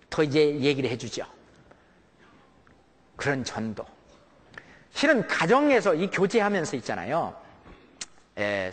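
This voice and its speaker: A man's voice: on the high side, in a large hall. A man preaching a sermon to a congregation in a conversational way, often checking in with his listeners and acting out the voices of family members. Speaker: pastor. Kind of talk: sermon on raising children.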